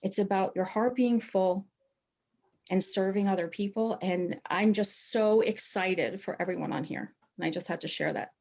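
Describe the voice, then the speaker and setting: A woman's voice: medium pitch, moderate pace, creaky, darkish tone. A middle-aged woman coach sharing on a group video call, emotional and earnest as she encourages newer members. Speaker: health coach.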